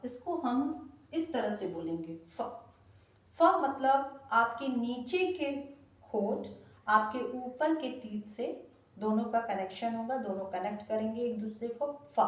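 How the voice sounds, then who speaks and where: A woman with a fairly high voice teaches pronunciation at a very slow, patient pace. She spells out words and repeats them. Her voice sounds far from the microphone in a strongly echoing room. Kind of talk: slow spoken lesson. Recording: very echoey room, voice from off the mic.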